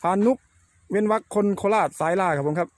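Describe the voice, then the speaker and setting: Excited man vlogging outdoors. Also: high voice, fast, no room sound. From Thailand. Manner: excited, laughing, addresses viewers as brothers and sisters. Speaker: channel host, bee hunter. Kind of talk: casual outdoor vlog narration. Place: outdoors in the countryside. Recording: faint background noise outdoors.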